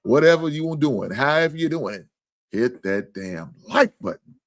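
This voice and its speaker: A man's voice: fairly high pitch, expressive, moderate pace. A man hosting a live sports stream in casual, profane talk, earnest and repetitive.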